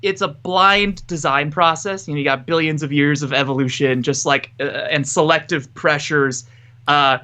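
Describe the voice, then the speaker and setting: A man co-hosts a podcast in a loose, joking chat, wandering off topic and interrupting himself often, speaking into a mic on his headphones. His voice is a little high, bright and forceful, with a steady tone at a moderate pace.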